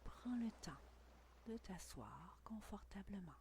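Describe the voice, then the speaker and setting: A woman whispering a guided meditation intimately, right by the ear, in a breathy, soothing, unhurried voice with long pauses. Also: medium pitch, big pitch swings, warm tone, a little hiss or hum. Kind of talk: guided meditation, scripted narration.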